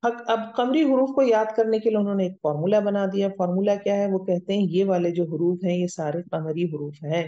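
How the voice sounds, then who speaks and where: A woman's voice: medium pitch, fairly even intonation, fairly quick, hardly any pauses, dark tone. A woman teaching Arabic grammar in a recorded lecture, explaining step by step and often checking that students follow. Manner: explains step by step, checks understanding with "theek hai?". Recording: dull lo-fi audio.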